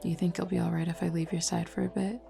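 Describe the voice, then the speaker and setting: Speaking quickly in a fairly low, dark, creaky voice with a level tone, a woman plays a flirty, confident werewolf pack beta who casually teases the listener in a roleplay audio drama. She sounds calm and explanatory, with lo-fi music behind her voice.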